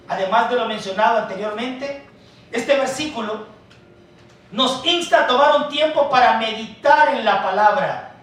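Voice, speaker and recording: A man preaching a sermon as pastor, calling the congregation brothers, swinging from soft asides to loud emphasis. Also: very high-pitched, a little hiss or hum. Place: church hall. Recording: echoey church hall, mic far off.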